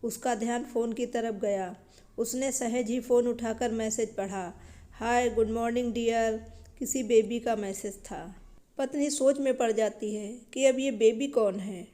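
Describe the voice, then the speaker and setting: A woman narrates a moral tale in a calm, even storytelling manner. Her voice sits a little high, with a soft, mellow tone. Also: a little slow. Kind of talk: scripted narration.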